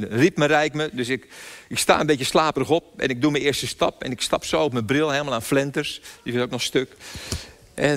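An older man preaching a sermon, telling a personal story with emphatic pauses and repeated phrases. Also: a little high, a bit bright. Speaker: pastor. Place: church hall. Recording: long hall reverb.

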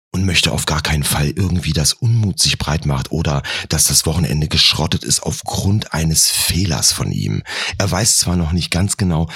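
Man, comic storyteller, wry, very low, heavily husky, dry close sound. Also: fairly bright tone, no room sound. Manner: wry, acts out the characters. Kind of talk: comedic storytelling.

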